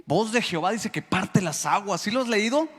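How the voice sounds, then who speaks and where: A man's voice: sits high, animated, moderate pace, fairly bright tone, husky, long reverb tail. A man with a Mexican Spanish accent preaching a sermon as pastor, emphatic and joking with the congregation. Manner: emphatic, calls out to the congregation, jokes. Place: church hall.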